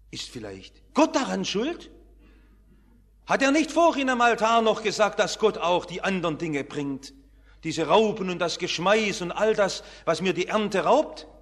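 Pastor preaching, high voice that jumps all over, big echoey church reverb. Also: male voice. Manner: dramatic preaching, swinging between soft and loud. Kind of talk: harvest festival sermon.

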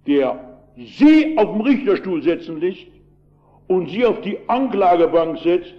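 A man's voice: high-pitched, very animated, measured pace, dull audio. An older man who is a pastor, delivering an impassioned sermon and telling a story from his youth.

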